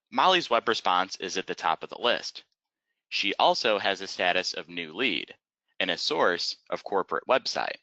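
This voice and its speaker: A male software trainer walks through an instructional webinar one step at a time, methodical in his delivery. His voice is low, and the recording is close, dry, and a bit dull.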